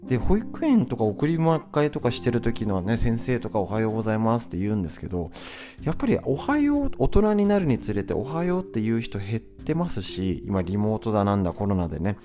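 A man hosting a solo podcast in a chatty, conversational way, often pausing with fillers and tag questions, and sometimes reading aloud from a book. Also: fairly low pitch, very animated. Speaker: podcast host. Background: guitar music.

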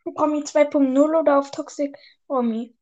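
Woman gamer, high voice, slangy and teasing, casual play-along chatter. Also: steady tone, moderate pace, mellow, lo-fi sound. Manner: slangy, teasing, laughs often. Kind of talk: casual gaming chat.

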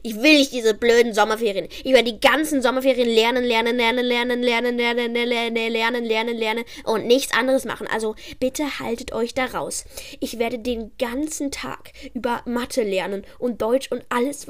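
A woman's voice: fairly high pitch, fairly even intonation, normal speed, natural voice. A woman voicing a grumpy studious boy who rants sulkily about wanting to study. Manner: sulky, ranting.

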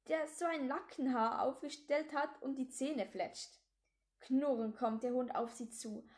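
Woman storybook reader; high voice, steady read-aloud. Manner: steady storytelling with small slips. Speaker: reader of a children's book. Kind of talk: reading aloud a children's book.

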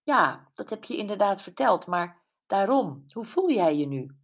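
A woman voicing Jules, a caring friend who probes gently and a bit knowingly, in an audiobook. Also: medium pitch, very animated, a little slow, voice pushed up. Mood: probing. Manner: gentle but probing, a little know-it-all. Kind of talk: audiobook character voice.

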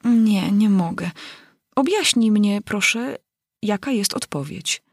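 A woman's voice: mid-range voice, lively intonation, slow pace, slightly rough, no echo, studio quality, voice pushed up, exaggerated voice. A woman voicing a curious, polite young girl who asks earnest, prim questions in a storybook reading.

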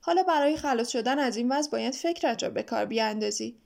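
A woman voicing a stern, impatient male watchdog with a ticking clock for a body, talking in a brisk, scolding way. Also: on the high side, gravelly, a little mellow.

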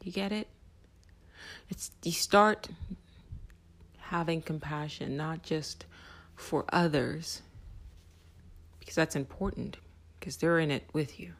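A vlogger giving an intense spiritual monologue with casual swearing, often dropping into soft whispers. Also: mid-range voice, slow pace, long pauses. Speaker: self-help vlogger.

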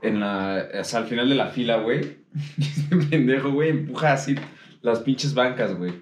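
A man's voice: medium pitch, normal speed, reverberant. A young man with a Mexican accent joking crudely while telling school stories with friends. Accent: Mexican Spanish. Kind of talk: casual chat among friends.

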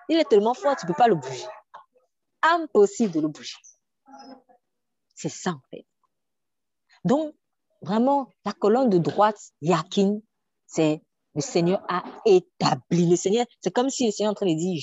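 A woman's voice: medium pitch, a little mellow, slightly rough, no echo. A woman preaching a sermon, emphatic, with rhetorical questions and repetition, sometimes dropping to a near whisper.

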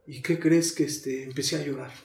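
A guest in his thirties with a Mexico City Spanish accent shares an emotional recovery testimony, slangy and intense, acting out the voices in each scene. His medium-pitched voice is steady and darkish at a normal pace, with a roomy sound.

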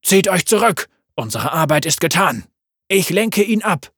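A man's voice: medium pitch, moderate pace, breathy edge, no room sound, studio quality. A man reading a story aloud, voicing a stern middle-aged male commander who is also a father. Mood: shouting orders.

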